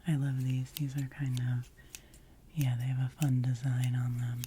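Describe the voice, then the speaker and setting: A woman doing a whispered role-play as a hairdresser in a soft, breathy ASMR whisper, soothing and gently repeating short phrases. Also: a bass voice, little pitch movement, normal speed, a little hiss or hum. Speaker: ASMR creator playing a hairdresser.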